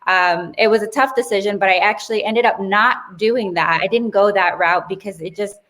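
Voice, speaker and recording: A woman in her thirties, a guest in an interview, recounting her path in a chatty, talkative way. She often restarts her sentences and laughs easily. Her voice sits at an ordinary middle pitch. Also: normal speed, fairly bright tone. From Brazil, raised in South Florida. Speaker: guest expert. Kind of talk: casual interview storytelling.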